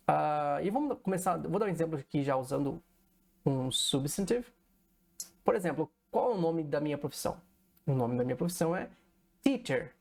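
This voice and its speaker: A man's voice: a little high, creaky, darkish tone. A Brazilian man teaching English in a recorded online lesson, explaining patiently and checking in often with his students. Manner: patient, explains slowly, checks in with frequent "né?" and "certo?". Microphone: computer recording.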